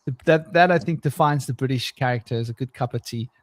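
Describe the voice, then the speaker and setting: A man's voice: mid-range voice, fast, dry recording. A man co-hosting a casual podcast, rambling and joking with frequent laughs and restarts. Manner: rambling, jokey, laughs often, many restarts. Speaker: podcast co-host. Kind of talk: casual conversational podcast chat.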